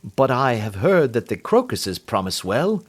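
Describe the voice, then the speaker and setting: A man voicing a calm, amused detective who speaks quietly and imperturbably. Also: mid-range voice, unhurried. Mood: bland.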